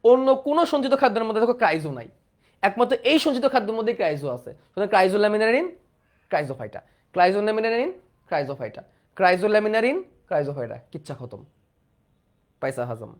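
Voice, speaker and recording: A young man with a high, very animated voice teaches an online biology exam-prep class at a moderate pace. He repeats questions and prompts his students to answer.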